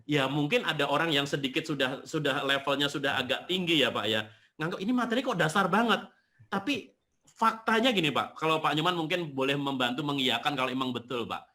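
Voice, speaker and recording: Bright, lively man telling stories. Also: a little high, brisk. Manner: animated storyteller, acts out quotes. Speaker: seminar host and business trainer. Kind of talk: casual seminar talk, storytelling.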